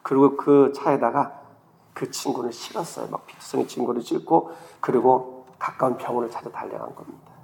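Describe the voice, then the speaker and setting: A middle-aged man pastor telling a story in a sermon, shifting between hushed and loud delivery. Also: medium pitch, brisk, gravelly, reverberant, big-room sound, a little hiss or hum. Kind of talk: sermon testimony.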